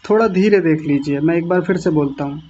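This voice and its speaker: Male pronunciation teacher, high voice, very deliberate, lo-fi online class audio. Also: darkish tone. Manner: slow, drawn-out syllable-by-syllable chanting demonstrations; corrective and patient, repeating sounds.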